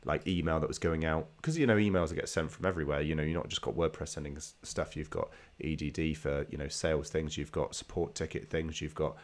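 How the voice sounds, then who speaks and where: A man's voice: a bass voice, steady tone, fast, hardly any pauses. A man with a nasal, stuffed-up voice from a slight cold, talking casually as a podcast host.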